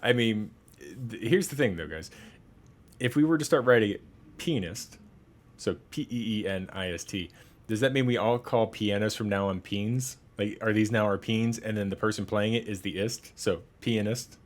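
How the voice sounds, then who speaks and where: A man's voice: lowish voice, moderate pace. A young man casually commenting on a game he plays, joking and rambling to viewers. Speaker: gaming streamer. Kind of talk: casual let's-play commentary.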